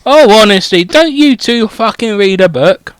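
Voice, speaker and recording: A man's voice: sits high, expressive, moderate pace, smooth, no room sound. A man doing a bossy sweary schoolgirl witch. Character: cheeky swearing teenage girl know-it-all witch.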